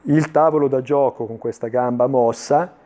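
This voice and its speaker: A man presenting items in an unscripted infomercial style, explaining in a measured way with searching pauses and repetitions. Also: mid-range voice, steady tone, warm tone. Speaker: antiques dealer presenting items on a TV sales show. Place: indoor furniture showroom.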